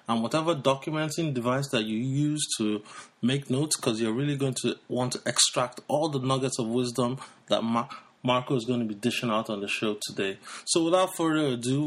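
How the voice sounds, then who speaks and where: Husky-voiced male podcast host. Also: medium pitch, fairly bright tone. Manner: upbeat, lists things at length. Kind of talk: podcast hosting and interviewing.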